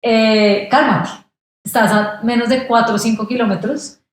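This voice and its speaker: A young Colombian-accented woman, guesting on a podcast, tells a casual story at a measured pace in a fairly high voice. She animatedly slips into the voices of people she meets, and the room sounds very roomy and echoey.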